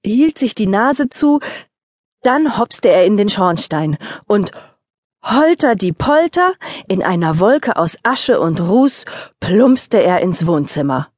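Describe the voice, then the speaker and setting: A woman narrating a children's audiobook in a gentle, lively storytelling voice. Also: mid-range voice, slow, dry recording, clean studio sound.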